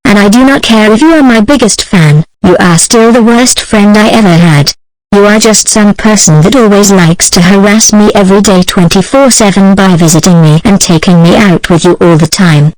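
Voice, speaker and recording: A woman's voice: mid-range voice, moderate pace, darkish tone, no room sound, close to an everyday voice, poor audio. A woman voicing a female plant-eating dinosaur from a children's show, in stiff, evenly worded cartoon dialogue. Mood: scolding.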